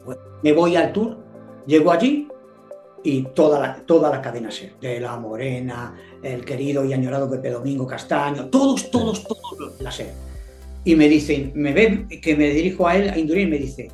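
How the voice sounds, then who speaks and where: A man's voice: medium pitch, normal speed, reverberant, faint music behind. An older man from Spain, a sports journalist guest, telling anecdotes with energy and acting out the people he quotes. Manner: lively storyteller who acts out voices in quotes.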